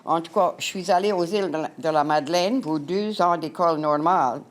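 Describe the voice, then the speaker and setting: An older woman telling a personal story in a slow, halting way. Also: on the low side.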